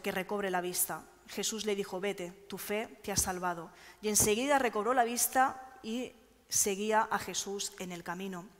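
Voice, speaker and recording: A woman delivering a church sermon, earnest and measured as she reads scripture aloud. Her mid-range voice carries through a long, ringing hall reverb. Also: medium pitch, a bit bright. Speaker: preacher.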